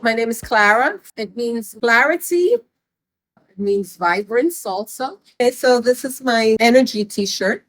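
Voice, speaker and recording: Higher-voiced woman, earnest, explaining with emphasis, dry sound. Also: expressive, unhurried, fairly bright tone, dry recording, soft background music, rough recording. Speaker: interviewee. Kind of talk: street interview.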